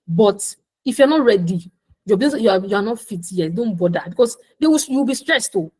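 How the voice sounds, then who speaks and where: A woman talks founders through raising money. She speaks informally and with emphasis, repeating herself and restarting her sentences. Her pitch sits in a middle range. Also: lively intonation, brisk, darkish tone, breathy edge, rough recording. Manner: repetitive, emphatic, laughs at her own points. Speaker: speaker on business funding. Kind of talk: informal talk to entrepreneurs.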